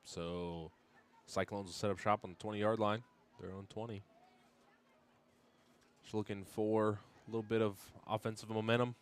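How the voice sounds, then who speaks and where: A man calling a high school football game play-by-play, upbeat and quick to joke with his partner. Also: level tone. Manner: upbeat, reads live ad copy. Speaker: play-by-play commentator. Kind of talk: sports commentary.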